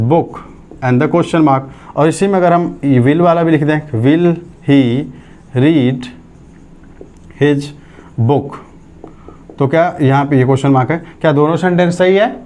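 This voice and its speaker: Fairly high in pitch and a little mellow, this male teacher covers English grammar in a lecture. He breaks explanations into steps, dictates sentences one word at a time, and stops to ask if everyone understands.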